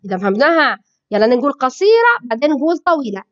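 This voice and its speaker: A woman with a Libyan Arabic accent, teaching a children's phonics lesson with slow, drawn-out syllables, saying each sound twice. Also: high voice, sing-song, a bit bright, no room sound. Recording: dull lo-fi recording.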